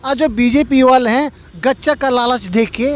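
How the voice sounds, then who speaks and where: High-voiced man pleading his case outdoors. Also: normal speed, fairly bright tone. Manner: earnest, pleading, argumentative. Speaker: passerby in a street debate. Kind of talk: heated street argument.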